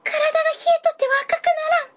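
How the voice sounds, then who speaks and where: A woman's voice: rapid-fire, lightly acted. A woman voicing a clumsy, self-pitying young male fox cub in a read-aloud folk tale, in old rustic speech. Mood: determined. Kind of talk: dramatized folk tale reading.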